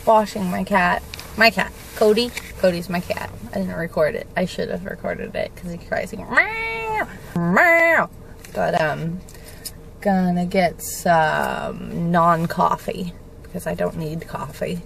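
A woman's voice: lowish voice, fairly even intonation, measured pace, gravelly, distant mic. A woman vlogging casually, chatting and laughing often on a handheld camera. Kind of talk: casual vlog chat. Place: in a car and out and about. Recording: noisy handheld camera audio.

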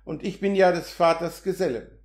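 Barnabas, a man reading a gentle messenger. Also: sits high, moderate pace, lightly acted. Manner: gentle, calm and unruffled. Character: meek young male village messenger. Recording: roomy echo.

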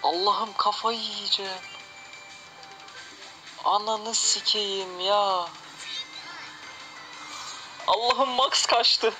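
Slow, swearing man reacting to slots. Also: high-pitched, steady tone, music in the background, low-quality recording. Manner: cursing and shouting in frustration. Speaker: casino slot streamer. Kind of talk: live slot stream reaction.

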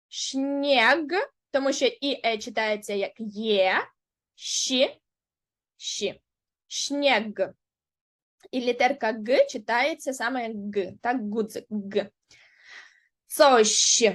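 A woman teaching a beginner lesson in a fairly high voice. She speaks very slowly and deliberately, repeating each letter and example word. She moves back and forth between two languages as she explains. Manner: switches between Ukrainian and Polish. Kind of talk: slow beginner lesson on the alphabet.

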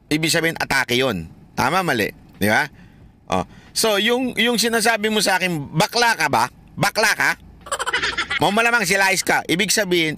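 Lively, joking male commentary host. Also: a little high. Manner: joking, laughs often, asks rhetorical questions. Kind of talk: comedic commentary. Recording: noisy background.

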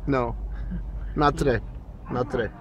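A man's voice: medium pitch, steady tone, measured pace, crowd noise. A middle-aged man, a father, chatting casually and reassuringly inside a car. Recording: noisy phone video in car.

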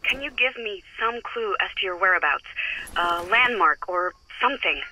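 An anxious, tender woman, speaking over a crackly game radio. Her voice is very bright and sharp, with faint static behind it. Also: medium pitch, lively intonation, moderate pace. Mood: soothing. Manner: worried, soothing, caring.

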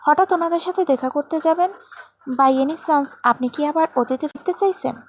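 A woman's voice: high voice, normal speed, slight background noise, lightly acted. A woman reading a story voices a playful, teasing young man in a story.

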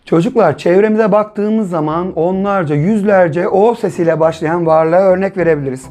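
A man's voice: sits high, moderate pace, a little mellow. A male primary school teacher giving a children's literacy lesson, patiently asking questions and answering them himself. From Turkey. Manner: patient, asks and answers his own questions.

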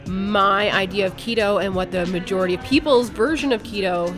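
A woman's voice: medium pitch, a little fast, a bit bright, soft background music. A woman guest on a podcast, telling a personal story in a candid, blunt way and swearing casually. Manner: candid, blunt, speaks her mind.

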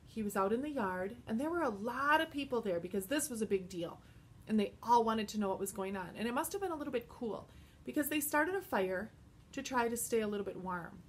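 A woman teaching a children's Bible lesson, telling the story slowly and expressively and stopping to explain simple words. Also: on the high side, expressive, slightly rough.

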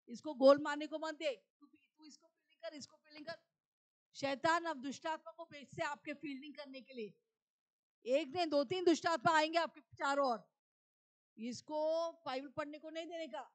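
A woman preacher from India delivers a sermon in a high voice. She poses questions to the congregation and answers them herself, repeating key phrases.

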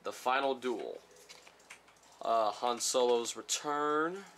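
A man chatting casually while unboxing trading cards, rambling and reading each card title aloud slowly, a little sick. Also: medium pitch, a bit bright, slight background noise. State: slightly sick. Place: small room at home.

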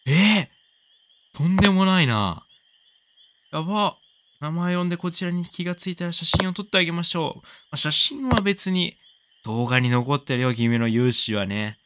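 A man doing casual let's-play commentary, excitable, exclaiming often and cooing at the pet. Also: on the high side, normal speed, noisy background. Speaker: game commentator.

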